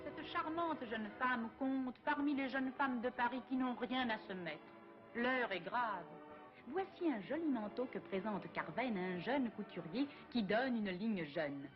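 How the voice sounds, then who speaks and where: A woman's voice: a little high, animated, measured pace. A woman reading scripted 1940s newsreel fashion commentary in an arch, flowery, formal manner. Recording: dull vintage newsreel film soundtrack, loud music. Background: loud music.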